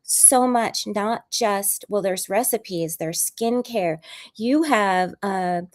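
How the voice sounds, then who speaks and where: Woman host, mid-range voice, gushing and eager, quick questions, video call. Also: medium pitch. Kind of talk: casual interview.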